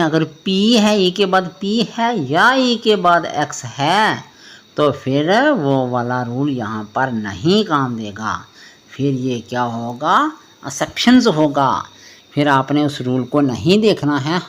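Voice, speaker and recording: A man teaching a pronunciation lesson, spelling words out letter by letter and often checking whether it is clear. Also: fairly high pitch, fairly bright tone. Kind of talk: spoken classroom lesson.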